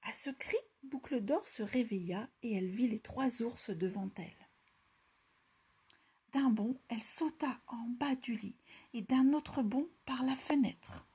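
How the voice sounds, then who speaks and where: A woman reading a children's story aloud in a soft, hushed, half-whispered voice. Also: fairly high pitch, a little slow, husky.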